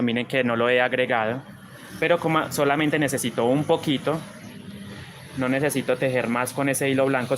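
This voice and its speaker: A man's voice: mid-range voice, a bit bright, slight background noise. Chatty paisa man teaching crochet live. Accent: Colombian paisa. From Colombia. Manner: chatty, reads viewer comments aloud. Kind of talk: live-streamed crochet tutorial.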